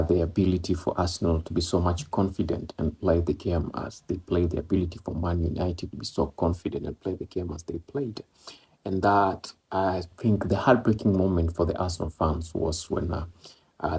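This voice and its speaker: An East African man with a low, slightly mellow voice, gravelly and husky, talks casually about a football match as a vlogger. He speaks English as a second language, his first being Swahili or Maloko. His talk rambles, heavy with fillers and repetition.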